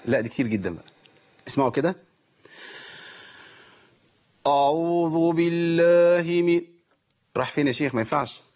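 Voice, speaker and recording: A man's voice: mid-range voice, rapid-fire, slightly rough. A man with an Egyptian Arabic accent teaching Quran recitation, explaining with rhetorical questions and demonstrating the correct pronunciation himself. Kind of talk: tajweed lesson.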